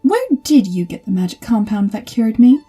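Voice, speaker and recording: A woman's voice: mid-range voice, very animated, moderate pace, dark tone, husky, soft background music. A woman playing a spoiled rich young society lady in an audio drama, airy and imperious. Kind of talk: theatrical audio drama acting.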